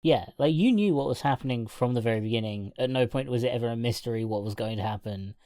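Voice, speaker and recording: Very deep-voiced woman chatting about films. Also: fast talker, mellow, no room sound, clean studio sound. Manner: rambling, laughs often. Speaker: podcast co-host. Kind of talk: casual film review chat.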